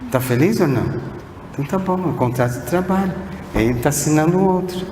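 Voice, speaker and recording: A Brazilian man giving a spiritist lecture, posing one rhetorical question after another and sometimes speaking softly to a single listener. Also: a little high, animated, brisk. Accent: Brazilian Portuguese. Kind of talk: sermon-like lecture. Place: spiritist center hall. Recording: echoey hall with faint background noise.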